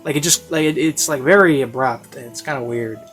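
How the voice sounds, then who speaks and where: A man with a medium-pitched, slightly bright voice gives a casual, unscripted review at a fairly quick pace. He rambles and hesitates, frequently interrupting himself, while classical instrumental music plays in the background.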